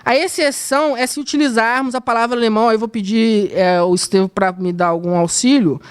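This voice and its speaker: A woman with a Brazilian Portuguese accent presenting an academic conference paper, reading in a measured way with hesitant asides. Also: on the high side, fairly even intonation, clean tone. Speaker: university historian presenting a paper.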